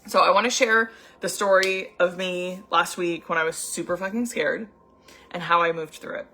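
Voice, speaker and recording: Chatty woman with a lower voice. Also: normal speed. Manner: chatty, animated, lots of "like" fillers. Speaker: anxiety coach. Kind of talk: casual storytelling vlog.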